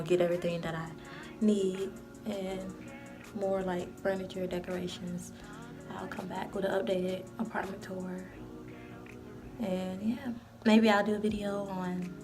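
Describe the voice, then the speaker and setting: Twenty-something girl chatting on her vlog, lots of like and you know, music going behind her. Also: medium pitch. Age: 20s. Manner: rambling, full of "like" and "you know". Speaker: vlogger. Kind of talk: casual vlog chat. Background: background music.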